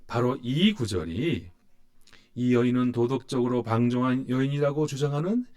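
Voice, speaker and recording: Expressive male Bible study teacher. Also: medium pitch, moderate pace. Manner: expressive storytelling, rhetorical questions to the class. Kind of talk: church Bible study lecture.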